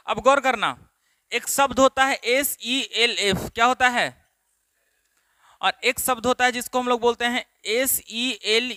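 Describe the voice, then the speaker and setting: A man from Bihar with a Bihari Hindi accent teaches a spoken English class, drilling students by asking the same questions over and over. His voice is very high-pitched and sharp, with no room sound.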